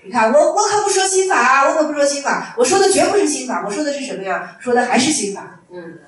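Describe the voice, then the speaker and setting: A woman's voice: sits high, animated, quick pace. A woman giving a Chan Buddhist dharma talk in a folksy storytelling way, repeating her phrases and acting out the masters she quotes. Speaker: Buddhist teacher. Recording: very echoey room, distant mic, faint ambience.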